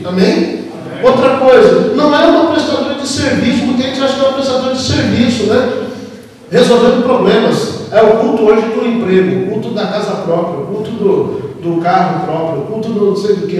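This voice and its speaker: A high-pitched Brazilian man preaches with passion, his voice bouncing around a big reverberant church hall. He swings between loud calls to repentance and hushed, conversational asides, and sometimes acts out the people in his stories. He stands well back from the microphone, with a faint hiss under the recording. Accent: Brazilian Portuguese. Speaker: pastor. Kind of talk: sermon. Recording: echoey hall, distant mic, faint noise.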